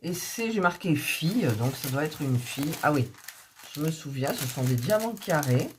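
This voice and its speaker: A woman's voice: low-pitched, lively intonation, moderate pace, noisy background. A sick, coughing woman chatting casually to her subscribers, hesitant, with many fillers as she shows her craft kits. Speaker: hobby vlogger showing diamond painting kits.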